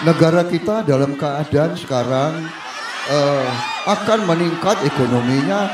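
Man doing a pompous professor, deep droning voice, echoey far-off crowd recording. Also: measured pace, background noise, natural voice. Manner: stiff, droning, empty formal phrases. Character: pompous long-winded male professor, droning.

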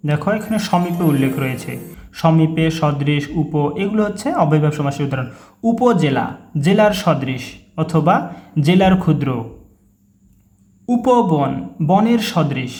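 Young guy tutor going through grammar examples one by one, voice a bit high, echoey room. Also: a little slow, pauses often. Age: young adult. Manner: calls out each example word, then its meaning, in a steady teaching rhythm. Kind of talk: online grammar lesson.

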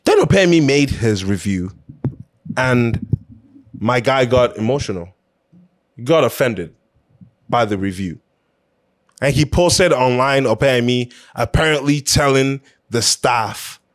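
A man hosts an opinion show with a medium-pitched voice, speaking casually and emphatically in a conversational style. He repeats phrases to drive his points home.

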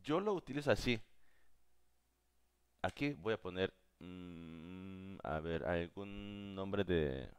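A native Korean man leads a live online class, speaking slowly and going over each word again and again. His voice is low and smooth, and the close mic sounds dry. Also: animated. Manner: slow, patient explaining, repeating words several times. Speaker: Korean teacher.

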